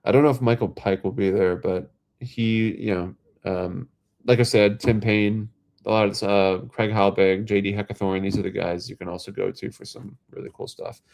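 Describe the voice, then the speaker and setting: A man hosting a casual livestream talks in a lowish, steady, creaky voice with a darkish tone, sounding stuffed up and nasal from a head cold. He rambles in a halting way, restarting sentences and filling gaps with lots of "ums" and "uhs."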